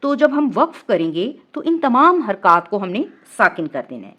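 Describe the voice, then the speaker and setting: A woman's voice: medium pitch, very animated, normal speed, fairly bright tone, dull audio. A woman with a Pakistani Urdu accent teaching Quran recitation rules step by step, patiently explaining each rule and drawing out the recited Arabic words.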